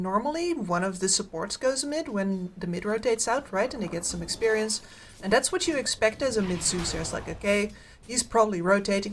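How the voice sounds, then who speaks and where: Female esports analyst, medium-pitched voice. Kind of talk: analytical live game commentary. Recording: faint game noise behind.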